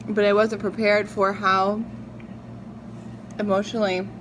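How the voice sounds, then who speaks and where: A woman chatting casually and confessionally to viewers while eating, reflective and halting, with drawn-out words and pauses. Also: medium pitch, flat delivery. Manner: chewing and eating while talking. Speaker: mukbang vlogger. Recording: clearly noisy background.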